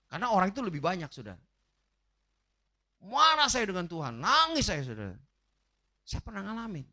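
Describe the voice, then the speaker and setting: A man's voice: high voice, huge pitch swings, a little fast, bright, forceful tone. A man preaching a sermon with an emphatic, rising and falling delivery, often turning directly to his congregation. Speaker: pastor. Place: church livestream.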